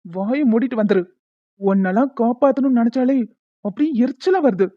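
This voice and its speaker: A woman's voice: on the high side, brisk, no echo, natural voice. A woman voicing a scheming young husband in a cartoon serial, scornful and muttering his plans. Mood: vengeful. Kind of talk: Tamil cartoon serial voice acting. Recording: dull lo-fi sound.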